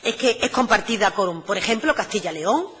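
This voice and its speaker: A middle-aged woman, a regional finance minister, giving a formal parliamentary address in a measured, emphatic way, with frequent "eh" hesitations. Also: mid-range voice, animated, a bit bright, in a large hall, a little hiss or hum.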